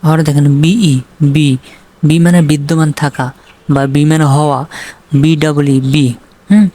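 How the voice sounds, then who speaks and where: A man's voice: a little high, fairly even intonation, normal speed, dark tone. Man teaching spelling, quizzing himself. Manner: asks questions then answers them himself; spells words out letter by letter. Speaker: English teacher. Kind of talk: spelling and pronunciation lesson.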